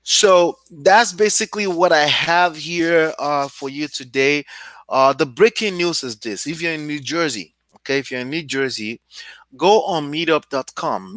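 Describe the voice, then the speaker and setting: This real estate channel host is a man from Nigeria speaking Nigerian-accented English, chatting casually to camera over a screen share and frequently asking "okay?". He has a mid-range, fairly bright voice with no room sound.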